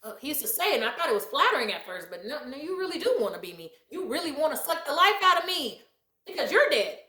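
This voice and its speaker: A woman's voice: high voice, very animated, fast talker, pushed and bright, roomy sound. A woman giving blunt life advice in a casual, emphatic and preachy monologue, laughing often.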